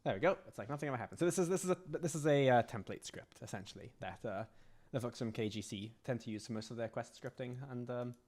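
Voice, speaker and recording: A slightly hoarse man who is losing his voice, thinking aloud in a halting, self-muttering way as he works through scripts on a live stream. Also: mid-range voice, a little mellow. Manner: halting, restarting, muttering to himself. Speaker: game modder live streaming.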